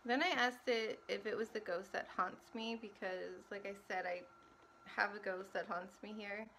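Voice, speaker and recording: A woman's voice: mid-range voice, fairly even intonation, moderate pace, pushed and bright, a little hiss or hum. A young woman vlogger talking casually to camera, rambling and self-mocking, often laughing at herself.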